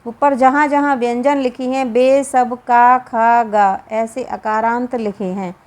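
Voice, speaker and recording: A woman with a Hindi accent, reading and explaining a Sanskrit grammar lesson slowly and deliberately, drawing out each sound. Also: on the high side, fairly even intonation. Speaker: Sanskrit teacher.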